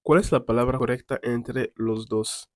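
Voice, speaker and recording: Man, French teacher, unhurried, mid-pitched voice, dry close sound. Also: fairly even intonation, dry recording. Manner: repeats each French word slowly and clearly. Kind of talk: slow beginner quiz lesson.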